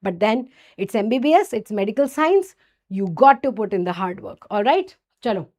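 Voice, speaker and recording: A woman's voice: medium pitch, big pitch swings, normal speed, a little mellow. A woman with a North Indian accent teaching a medical lesson, asking and answering her own questions, checking in often and slipping Hindi phrases into English. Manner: didactic, asks and answers own questions, frequent check-in tags like okay and right. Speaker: medical lecturer. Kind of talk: exam-focused microbiology lesson.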